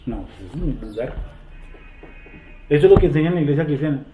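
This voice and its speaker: Male Bible teacher, fairly high voice, echoey room, tinny phone-like sound; asks the group questions. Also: lively intonation, faint music behind. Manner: asks the group questions, repeats verses slowly. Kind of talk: interactive Bible study teaching.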